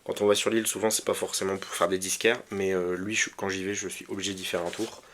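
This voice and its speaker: A man casually shows off his record collection in a vlog, hesitant and full of fillers and restarts but enthusiastic about the music. His low voice barely moves in pitch, sounds a bit bright, and he talks fast.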